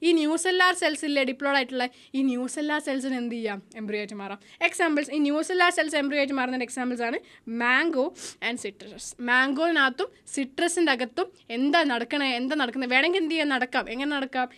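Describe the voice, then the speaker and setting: Woman biology tutor, high voice, rapid delivery, answers her own questions. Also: fairly bright tone. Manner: asks questions and answers them herself; mixes English terms into speech, reads English definitions slowly. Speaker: biology teacher. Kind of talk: online exam-prep lesson.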